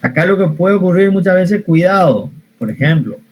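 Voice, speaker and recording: A man's voice: high-pitched, lively intonation, moderate pace, slight background noise, low-quality recording. A man teaching an online spreadsheet class, patient, repeating each step and asking the class questions. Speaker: computer science teacher.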